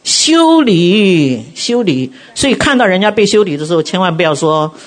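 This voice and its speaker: A middle-aged woman preaching a sermon, telling her own testimony in an animated way and acting out quotes. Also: fairly low pitch, moderate pace. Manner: animated storytelling, acts out quotes.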